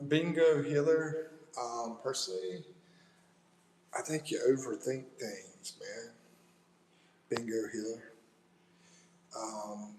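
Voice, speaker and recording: Middle-aged American guy, livestream host, slow and easygoing, chatty "bro" manner while reading comments. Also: mid-range voice, darkish tone, a little hiss or hum, poor audio. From United States. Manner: chatty, loose, calls viewers "bro". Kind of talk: casual live chat reading viewer comments.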